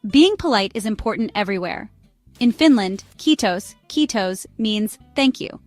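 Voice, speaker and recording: Bright tutor woman, upbeat and clear, repeats phrases slowly. Dry close mic, faint music bed. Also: medium pitch, lively intonation, dry recording. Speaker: language tutor. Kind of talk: scripted travel phrase lesson.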